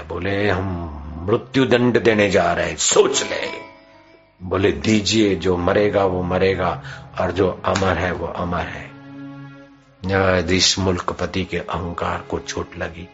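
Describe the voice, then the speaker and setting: A man giving a devotional sermon, telling a story and acting out its characters with dramatic pauses. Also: sits low. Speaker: spiritual preacher. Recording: dull lo-fi recording with faint music.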